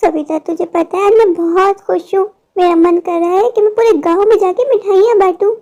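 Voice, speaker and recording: A woman voicing a bitter, sharp-tongued older mother-in-law in a cartoon story, taunting her daughter-in-law. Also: very high-pitched, fairly even intonation, moderate pace, muffled recording. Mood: gloating.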